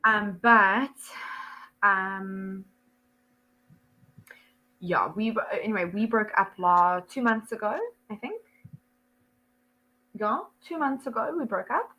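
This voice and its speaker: A young South African woman, an online English tutor, chats casually with a student over a video call in a one-to-one lesson. Her medium-pitched voice is bright and forceful, her pace slow with long pauses, and she laughs often, filling her speech with ums and likes. The audio is lo-fi.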